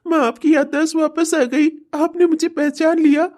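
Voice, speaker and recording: A woman's voice: high-pitched, normal speed, mellow. A woman voicing a devoted young son in a cartoon, anxious, pleading and tearful. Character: devoted young adult son Nikhil, emotional. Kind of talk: cartoon voice acting.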